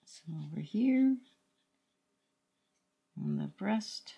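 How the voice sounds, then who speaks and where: Woman, painting instructor, lowish pitch, gravelly fry, slow delivery, short instructional phrases. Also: animated, mellow. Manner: sparse short phrases while working. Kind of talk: unscripted step-by-step art tutorial. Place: indoor studio room at a worktable.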